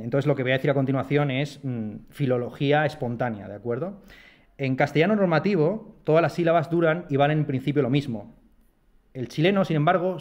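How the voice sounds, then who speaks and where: A philosopher from Madrid, Spain, with a Madrid Spanish accent, reads a prepared lecture aloud in a lecture hall at a university residence. His voice is on the high side and a little mellow, and he adds wry, self-deprecating asides.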